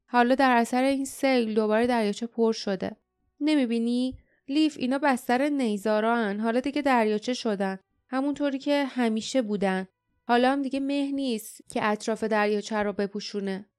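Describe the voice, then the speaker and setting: A woman reading the part of a calm, proud young man who explains things quietly and quickly in an audiobook. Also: a little high, clear, resonant tone, natural voice. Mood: quiet explaining.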